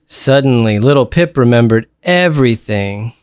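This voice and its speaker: A man reading a picture book aloud to his child in a slow, lively storytelling tone. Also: mid-range voice, smooth, no echo.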